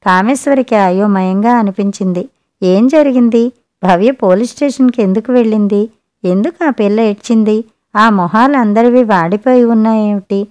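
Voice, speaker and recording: A woman narrating a short story for an audiobook with a steady, expressive reading. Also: medium pitch, normal speed.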